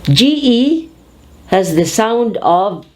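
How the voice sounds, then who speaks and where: Very slow, careful woman teacher. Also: a little high, sing-song, a little mellow. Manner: careful, over-articulated word drills. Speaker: pronunciation teacher.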